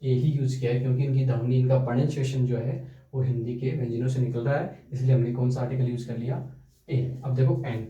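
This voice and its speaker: A man's voice: medium pitch, fairly even intonation, brisk, warm tone, distant mic, muffled recording. A man teaching English grammar in a classroom style, asking his students questions and answering them himself. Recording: echoey room, voice from off the mic.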